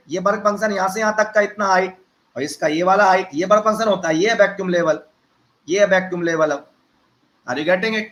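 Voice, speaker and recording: A man's voice: sits high, sharp tone, rough recording. A man teaching a physics class in a chatty, teasing way, asking his students questions and then answering them himself. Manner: teasing, conversational, addresses students as beta and bhaiya.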